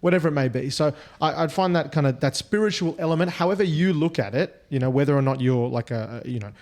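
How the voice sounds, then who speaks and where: A man's voice: fairly high pitch, quick pace, darkish tone. A married man in a casual podcast chat, rambling with many restarts and "like" fillers. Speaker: podcast co-host.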